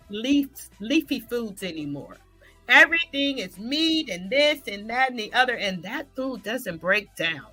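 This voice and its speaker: Energetic female fitness guest, bright tone, chatty and quick to self-correct. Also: a little high. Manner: energetic, talks through restarts and self-corrections. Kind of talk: casual interview talk.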